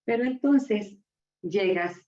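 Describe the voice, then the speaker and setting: A woman's voice: medium pitch, slow pace. A middle-aged woman leading a live workshop, exclaiming and calling out to her group. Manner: expressive, exclaiming, calls out to the audience. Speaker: workshop facilitator. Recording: echoey, dull lo-fi room from far off.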